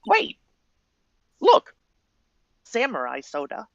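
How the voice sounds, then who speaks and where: Eager young sidekick, exclamatory, lively, lo-fi sound, read by a woman. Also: mid-range voice, slow pace, creaky, pitched above the performer's own voice, full character voice. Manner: excitable, exclamatory.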